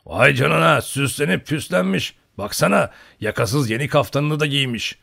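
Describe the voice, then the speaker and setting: A man voicing a loud, hearty old male Cossack hunter in an audiobook, booming and teasing. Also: lively intonation, normal speed, creaky, heavily acted. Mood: teasing banter. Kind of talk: audiobook character voice.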